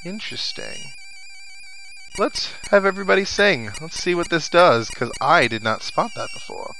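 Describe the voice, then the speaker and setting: Video game music and sound effects run beneath this man's casual let's play commentary as a gaming host thinks aloud for his viewers. His high-pitched, sharp voice swings widely in pitch at normal speed, and the recording is rough.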